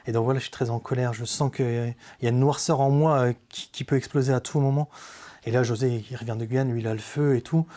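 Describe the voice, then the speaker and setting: A man giving a personal faith testimony in a podcast conversation, speaking earnestly and haltingly, with many hesitations. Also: medium pitch, steady tone, warm tone. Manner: earnest, confessional.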